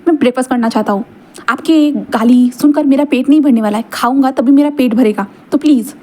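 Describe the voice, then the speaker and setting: A woman's voice: high voice, fairly quick, mellow. A woman voicing a defiant, teasing young man.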